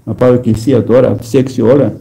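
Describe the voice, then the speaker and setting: A man's voice: medium pitch, steady tone, vocal fry, warm tone, close to an everyday voice, poor audio. A man voicing the devil as a coaxing male tempter who gives lulling, persuasive suggestions.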